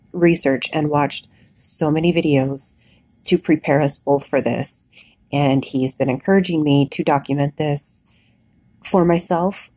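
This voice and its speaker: A woman recording a casual, candid video diary, sounding weak and worn out after surgery, talking haltingly. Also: low voice, a little mellow, breathy edge, no echo. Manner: candid, plain-spoken. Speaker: patient vlogger recording a recovery diary. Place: hospital bed, indoors.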